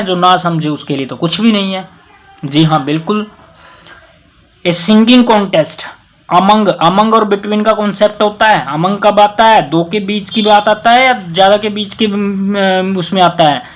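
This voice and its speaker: A man's voice: high-pitched, normal speed. A man teaching English grammar in a casual classroom way, mixing Hindi with English and hitting key words hard, often addressing listeners with a polite "ji". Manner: stresses words loudly, mixes Hindi with English.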